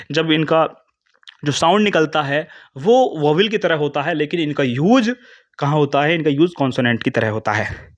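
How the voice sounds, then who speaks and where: A man with an Indian English accent teaching an English grammar lesson in Hindi, explaining step by step and reading English definitions slowly. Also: fairly high pitch. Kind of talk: classroom lecture in Hindi mixing English terms.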